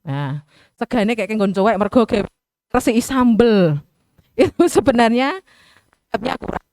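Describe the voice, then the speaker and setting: A middle-aged woman teacher with a Javanese accent speaks in a fairly high, smooth voice. She chats with students and acts out little everyday examples. The sound is close and dry. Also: animated, unhurried, darkish tone, dry recording. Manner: chatty, mixes in local dialect, acts out examples. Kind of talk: school orientation talk. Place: school hall.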